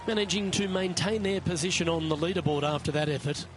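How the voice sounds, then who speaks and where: A man giving golf commentary as lead announcer, calling each shot in short, measured phrases. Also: on the high side. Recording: crowd and outdoor noise behind.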